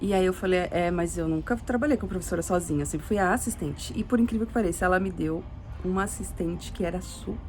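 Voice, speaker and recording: The Brazilian woman in Sweden talks fast in a lowish, darkish voice against slight background noise. She rambles through a personal story in Brazilian-accented speech, frequently restarting and adding tag questions.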